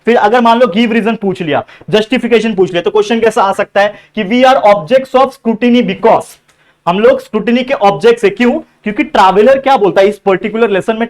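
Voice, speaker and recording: Indian male tutor, high register, walks students through answers with self-posed questions. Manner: explains step by step, asking and answering his own questions. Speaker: teacher. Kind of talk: exam-prep lecture.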